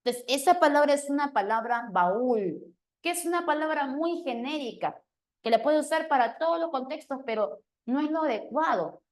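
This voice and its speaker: A woman teacher giving an animated lesson, often checking in with her listeners. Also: high-pitched, normal speed. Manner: animated, questioning, keeps asking "¿sí o no?". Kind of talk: lively classroom lesson.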